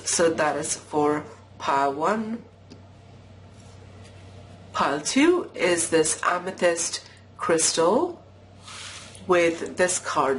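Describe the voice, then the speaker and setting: A woman's voice: sits low, slight background noise, poor audio. A woman with a cold and a nasal voice, chatting casually through a tarot reading with many fillers. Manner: chatty, filler-heavy, apologetic. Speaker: tarot reader. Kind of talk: casual pick-a-pile tarot talk.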